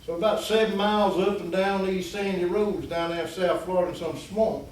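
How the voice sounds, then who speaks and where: A man with a drawl spins a rambling, folksy yarn in a fairly high voice. He is picked up from well away from the mic, in a very echoey space with faint hiss underneath. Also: steady tone, fairly quick, far from the mic. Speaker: guest storyteller. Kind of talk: casual storytelling.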